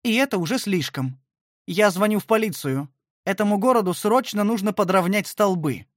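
Casting: male reader as a gentle middle-aged aunt, gasping and scolding, high and lively, dry close sound. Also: normal speed, no echo, lightly acted. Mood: alarmed. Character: kind fussing aunt, middle-aged woman, soft-spoken.

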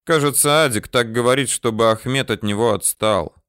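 A man reading an audiobook in measured, unhurried narration. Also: mid-range voice, a bit bright, smooth, dry recording, studio quality. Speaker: audiobook reader. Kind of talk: scripted narration.

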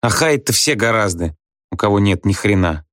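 A man reading a story aloud, voicing a bitter, scornful young wife who scolds her husband in quick reproachful outbursts. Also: on the low side, expressive, a bit bright, no room sound, studio quality. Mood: shrill.

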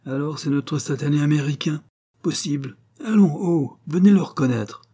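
A man voicing a rough, blunt male cab driver who bellows coarse remarks in a storybook reading. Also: medium pitch, normal speed, mellow, pitched above the performer's own voice, lightly acted. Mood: bellowing.

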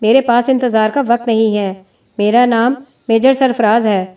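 A woman's voice: fairly high pitch, steady tone, warm tone, natural voice. A woman voicing a blunt, impatient army major who talks curtly and presses hard, heard from a distant mic. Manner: curt, pressing.

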